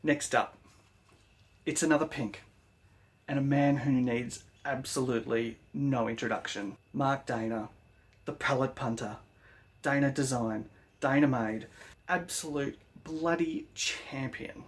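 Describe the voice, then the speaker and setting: A man's voice: mid-range voice, measured pace. An Australian man narrating a casual woodworking vlog, enthusiastic and full of slangy praise. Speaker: woodworking vlogger.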